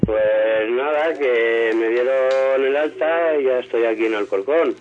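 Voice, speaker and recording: A man's voice: mid-range voice, measured pace. A man calling in to a radio show over the phone, chatting casually and hesitantly, with many fillers. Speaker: radio caller. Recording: tinny phone line with crowd noise behind.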